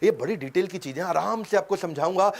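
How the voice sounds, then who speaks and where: A middle-aged motivational coach with a high, ringing voice. He talks in punchy, rhythmic bursts and drops suddenly to a hush to land a point. He slips in little sound effects and mimicked voices as he goes. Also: a little fast, vocal fry. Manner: punchy, rhythmic delivery with sudden jumps from loud to hushed. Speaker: motivational speaker and business coach. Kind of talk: energetic Hindi seminar talk mixed with English.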